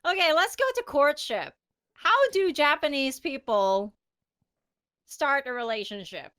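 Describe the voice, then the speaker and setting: A woman's voice: high voice, animated, a little slow, bright, forceful tone. A woman co-hosting a podcast in casual chat, laughing often as she talks. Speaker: podcast co-host.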